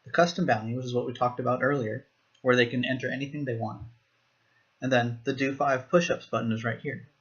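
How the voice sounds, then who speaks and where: A man giving a screen-recorded software walkthrough, explaining each step plainly. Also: medium pitch, fairly even intonation, fairly quick, muffled recording. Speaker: software demo presenter.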